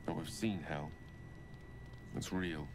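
A wry, eloquent wizard. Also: male voice, steady tone, exaggerated voice. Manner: measured, theatrical delivery. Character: eloquent young male wizard, wry and learned. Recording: game audio under rumble noise.

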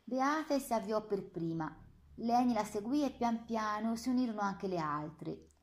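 A woman narrates a literary novel in first person. Her delivery is calm and measured, steady through description and dialogue. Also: medium pitch. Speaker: audiobook narrator.

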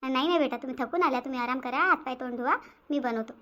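A woman's voice: sits high, very fast, fairly bright tone, slight background noise. A woman voicing a fussing village mother. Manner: fussing, insistent, repeats herself. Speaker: voice actor. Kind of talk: cartoon voice acting.

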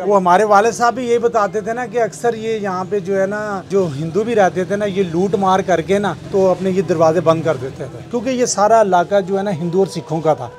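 A man's voice: high-pitched, a little mellow. A middle-aged local man explaining old neighborhood history in a casual, rambling way. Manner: rambling, repeats words.

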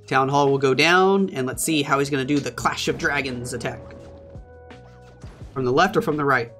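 A man casting a competitive mobile strategy match as solo play-by-play commentary, reacting quickly and excitably. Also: medium pitch, soft background music. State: hiccups. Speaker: esports caster.

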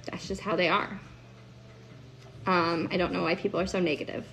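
A woman's voice: fairly low pitch, level tone, normal speed, vocal fry, a bit bright. A woman chatting casually on a live stream while cooking at home, upbeat and full of "like" and "um". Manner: chatty, upbeat, lots of fillers like "like" and "um". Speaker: food content creator.

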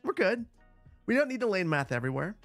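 A man hosts a gaming livestream in casual, chatty style, with a boomy sound that sits a little high in pitch for a man. He is close on a broadcast microphone in a dry space, with light music behind him. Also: big pitch swings, fast talker, fairly bright tone, no echo. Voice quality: boomy, bass-heavy sound on the mic. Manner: chatty, repeats short phrases. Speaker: livestream host, gamer. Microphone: close broadcast dynamic microphone.

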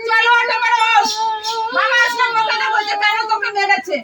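A woman's voice: very high-pitched, steady tone, a little fast. A woman acting an aunt in a homemade comedy skit, coaxing a crying boy and scolding her husband. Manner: coaxing, scolding, repetitive urging. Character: coaxing young aunt and daughter-in-law. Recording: loud background noise.

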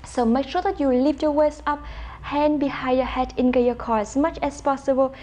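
A woman's voice: high voice, steady tone, normal speed, mellow, slight background noise. A young woman instructing a mat workout, giving directive cues and counts in an encouraging way. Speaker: pilates instructor. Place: bright room at home with wooden floor, indoors.

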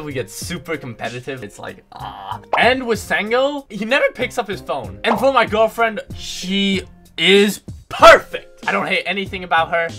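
A man's voice: on the high side, sharp tone. A young man from Singapore, upbeat and chatty, answering viewer questions in a casual vlog from his bedroom, talking straight to the camera. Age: young adult. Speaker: YouTuber. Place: small bedroom.

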